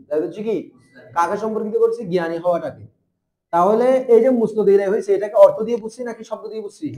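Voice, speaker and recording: A young man with a Bangladeshi Bengali accent teaching a grammar lesson, asking questions and answering them himself, and repeating terms slowly. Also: high voice, warm tone, reverberant. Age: young adult. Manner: spells out letters and repeats terms.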